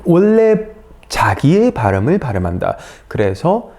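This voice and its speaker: A woman's voice: low voice, sing-song, unhurried, mellow. A woman teaching Chinese pronunciation, drilling syllables and tones one by one and explaining with playful asides to her learners. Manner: drills syllables and tones, repeating after each. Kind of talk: pinyin pronunciation lesson.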